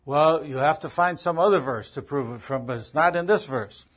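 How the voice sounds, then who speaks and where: A preacher lectures forcefully on reading Scripture, pressing his case with repetition and rhetorical questions. He speaks at a normal speed in a slightly high voice that's fairly bright and slightly rough.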